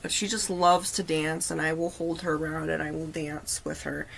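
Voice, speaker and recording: A woman hosting a livestream, telling a personal story in an earnest, halting, confiding way. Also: low voice, little pitch movement, creaky, fairly bright tone, slight background noise. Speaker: livestream host. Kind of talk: casual storytelling.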